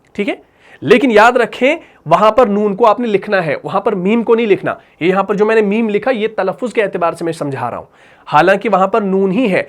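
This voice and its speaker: A man from Pakistan with a fairly high voice teaches the rules of Quran recitation. He explains patiently, repeats every point, and checks understanding with questions, giving his examples in slow, drawn-out recitation.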